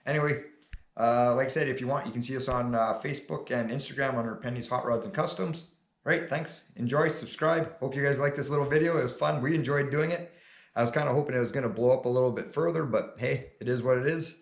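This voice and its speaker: A man's voice: mid-range voice, fast, echoey room. Laid-back man losing his voice. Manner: laid-back, rambling with many fillers. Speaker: channel host. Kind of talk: casual video chat.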